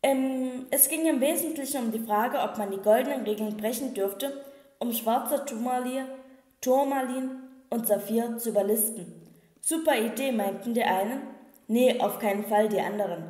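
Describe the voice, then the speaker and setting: Lady reading as a snarky little demon guy, gossipy and mocking, kinda high, echoey room. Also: mellow, close to an everyday voice. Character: cheeky little male gargoyle demon, snarky. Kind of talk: audiobook reading. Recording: echoey room with long reverb.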